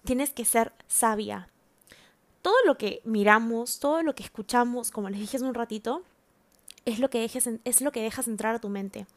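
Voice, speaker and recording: A woman's voice: on the high side, normal speed. A woman preaching a sermon to other women, earnest and exhorting, repeating phrases for emphasis.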